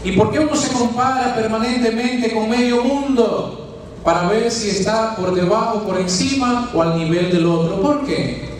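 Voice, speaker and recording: A high-voiced Dominican friar from the Dominican Republic preaches at a healing retreat, speaking Dominican Spanish at a moderate pace. He teaches through rhetorical questions, homely sayings and folksy asides. A distant mic picks him up in a very echoey church.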